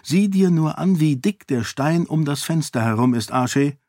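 A man's voice: on the high side, animated, normal speed, darkish tone, no echo, clean studio sound, voice pushed up. A man voicing a curious, spirited young noblewoman in an audiobook, talking eagerly and teasingly.

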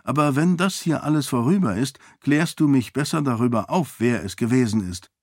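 A man voicing a sharp-witted young royal woman in an audiobook, lifting his voice and talking with quick self-assurance. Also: medium pitch, lively intonation, dry recording, clean studio sound, pitched above the performer's own voice. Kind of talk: audiobook character voice.

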